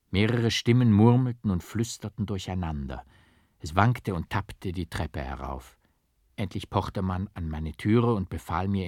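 A man reading a first-person literary story aloud as narrator, with a dramatic, expressive delivery. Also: sits low, no room sound, clean studio sound. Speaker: audiobook narrator.

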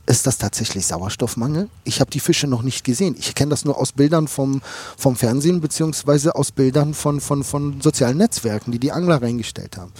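A man's voice: mid-range voice, brisk, few pauses, a little mellow, breathy edge, no room sound. A fish farmer talking casually in an interview, rambling and repeating words as he thinks aloud.

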